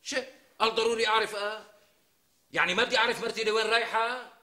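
A man's voice: sits high, fairly even intonation, very fast, pushed and bright, echoey room. An actor playing a browbeaten middle-aged husband with a Damascene Syrian accent, who rants bold speeches when he is alone in a TV sitcom. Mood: defensive. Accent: Damascene Syrian Arabic. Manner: rehearses bold speeches, mocking and ranting. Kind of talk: TV sitcom acting.

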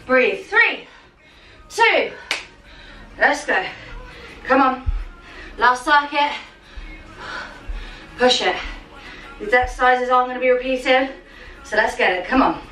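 A young woman with a high, bright voice coaches a workout in short commanding bursts, like a motivating gym coach. Her delivery is unhurried, with gaps between cues. She is recorded at a distance in a roomy living room. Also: lively intonation. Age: young adult. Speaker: fitness coach leading a home workout. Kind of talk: workout instruction with countdowns and cheering on. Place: small home living and dining room. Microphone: camera a few metres away. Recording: roomy, distant mic, music underneath.

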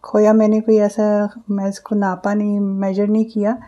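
A woman hosting her cooking channel, calmly explaining each step of a recipe as she cooks in her home kitchen. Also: mid-range voice, normal speed, dull audio.

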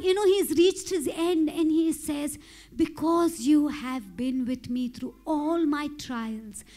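A woman preacher with a strikingly high voice delivers an impassioned sermon on a church stage. She speaks into a handheld mic, building toward fervent prayer. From India. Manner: impassioned, rising to shouted prayer. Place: church stage with pink backdrop.

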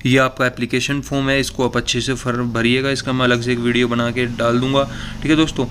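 A young man hosting a job news channel, casually walking viewers through a recruitment notice on screen and stumbling slowly over the English passages. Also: medium pitch, flat delivery, fairly bright tone, a little hiss or hum. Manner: reads English notice text slowly, haltingly. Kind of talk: casual explainer over a document. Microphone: voice-over to a screen recording.

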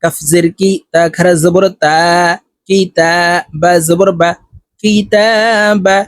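A man teaching Quran reading, spelling out each letter and vowel, then reciting the words in a slow drawn-out chant between brisk explanations. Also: high-pitched, fairly even intonation, dry recording.

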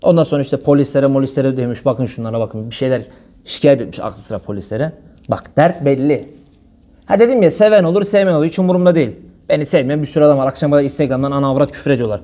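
A man's voice: medium pitch, rapid-fire, dark tone. A man preaching an informal religious talk from a lectern before an audience, blunt and colloquial, with pious phrases throughout.

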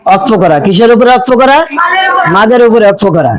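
High-voiced Bangladeshi man teaching recitation rules. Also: expressive, rough recording. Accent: Bangladeshi Bengali. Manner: asks questions and answers them himself, drawn-out chanted recitation of verses. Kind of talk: tajweed lesson with recited examples.

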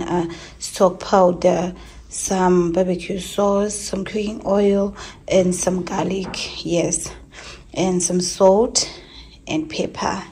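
A woman in her thirties talks slowly and unhurriedly to her phone camera from a parked car. Her easy, chatty delivery often sinks to a near whisper. A faint hiss sits under the voice. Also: lowish voice. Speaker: vlogger. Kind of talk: casual chat to camera. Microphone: phone at arm's length.

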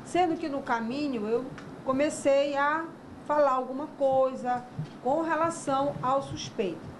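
A woman police investigator tells a reporter how an arrest went, speaking very slowly and pausing often to find her words. Her voice sits a little high, with clear background noise from a field recording. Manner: hesitant, searching for words. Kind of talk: recounting events to a reporter.

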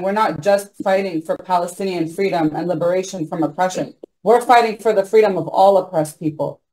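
A young woman joins a video call as a panelist from a small room, speaking with earnest insistence and plenty of ums and you-knows. Her medium-pitched, dark-toned voice comes through a laptop mic in a rough recording, fitting an impassioned panel discussion.

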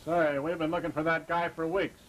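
An actor playing a take-charge 1930s American beat cop, gruff and commanding in an old film style. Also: male voice, a little high, little pitch movement, fairly quick, a bit bright, slight background noise, lightly acted. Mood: brisk, exasperated. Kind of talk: 1930s film acting, clipped cop talk.

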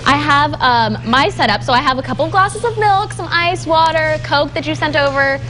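A woman's voice: high voice, lively intonation, moderate pace, fairly bright tone, slight background noise. A woman hosting an upbeat TV interview in a studio, chatty and playful. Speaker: TV host.

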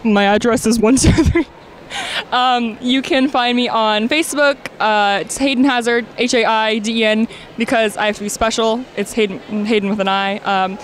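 A woman's voice: fairly high pitch, a little hiss or hum. A woman cosplayer being interviewed, chatting in a playful, joking way. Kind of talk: casual chat.

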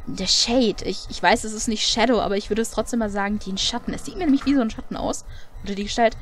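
A woman's voice: medium pitch, quick pace. A woman hosting a let's play, chatting casually and reading the game text aloud.

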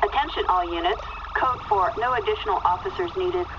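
An actress voicing a calm police dispatcher over the radio, reading out halting call-outs and phonetic codes in a measured way. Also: female voice, mid-range voice. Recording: muffled radio with loud siren noise.

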